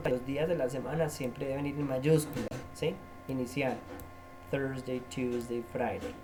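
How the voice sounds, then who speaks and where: Man, patient tutorial teacher, slow and deliberate, drills words by repeating them. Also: medium pitch, steady tone, over music. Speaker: English teacher. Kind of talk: recorded tutorial lesson.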